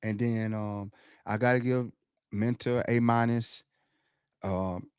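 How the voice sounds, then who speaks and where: A man co-hosting a podcast, talking sports in a casual, animated way, laughing and mimicking the crowd. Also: on the low side, takes it slowly, smooth, no echo, clean studio sound. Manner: animated, laughs often, loud shouted impressions of the crowd. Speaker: podcast co-host.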